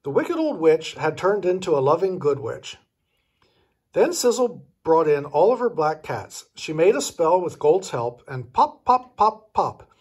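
Reading a kids' story at a measured pace, this older man sounds like a grandfather entertaining little ones. He's very expressive, and his husky voice is pitched fairly high for a male.

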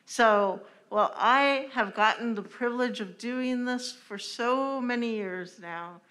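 A middle-aged woman speaking through a cloth face mask on a panel, reflective and measured in her phrasing. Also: a little high, a bit bright. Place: large event room, indoors. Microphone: microphone on a table stand.

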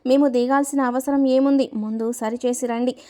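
A woman voicing a spirited young village woman who is in love and quick to scold, told as a spoken story. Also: high voice, steady tone, warm tone, close to an everyday voice.

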